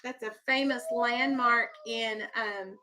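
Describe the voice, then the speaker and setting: Reading to a group of young children, this woman teacher takes it slowly in a steady, slightly high voice, with noise in the background. She gives simple, instructive explanations, checks understanding through questions and stays firm so the kids remain on task.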